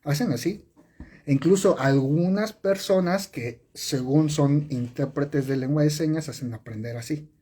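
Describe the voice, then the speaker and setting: A man's voice: a little high, a little slow, warm tone, husky. A man teaching sign language on a live stream, explaining step by step, repeating and correcting himself with many fillers. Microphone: phone or webcam on a live stream.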